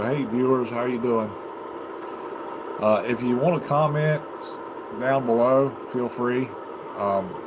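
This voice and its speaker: Loud, steady noise hums behind an American amateur livestreamer and CB radio hobbyist as he talks from his home basement. With a lowish voice, he rambles casually to viewers, unhurried and halting, pausing and starting over as he thinks out loud.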